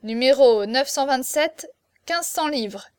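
Pérolle, a woman voicing a brisk male steward. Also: high voice, expressive, clean tone, no echo. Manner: loud, brisk auctioneer calls. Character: eager male steward running an auction.

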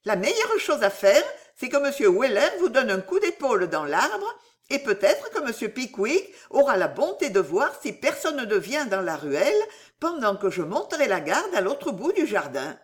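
A woman's voice: fairly high pitch, very animated, normal speed, voice pushed up. A woman reading aloud, voicing a pretty, practical young housemaid. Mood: eager.

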